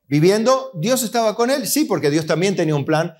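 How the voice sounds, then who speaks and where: A man's voice: high-pitched, lively intonation, fairly quick, darkish tone. A man with an Argentine Spanish accent, a pastor preaching a sermon, asking the congregation questions and answering them himself, and acting out voices of God and of complaining believers.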